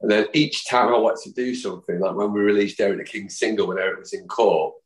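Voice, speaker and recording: A man in his fifties, his voice sitting on the low side, spins a loose, chatty tale as a podcast guest. He wanders through his stories with asides and quick put-on voices for the people in them. The room around him is noticeably echoey. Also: fairly even intonation. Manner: rambling, chatty storyteller who acts out quotes. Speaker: guest, fan songwriter. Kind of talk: anecdotal storytelling in a podcast chat. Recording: roomy echo.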